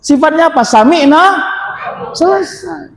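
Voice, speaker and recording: A man preaches in a very high, animated voice. He tells stories, mimics the people in them and fires questions at his listeners, sometimes breaking into a shout. His voice rings through a roomy hall with a long, trailing reverb. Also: unhurried, creaky. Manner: animated, questions the audience, acts out quoted voices, bursts into shouts. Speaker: Islamic preacher. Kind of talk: lively religious lecture with storytelling.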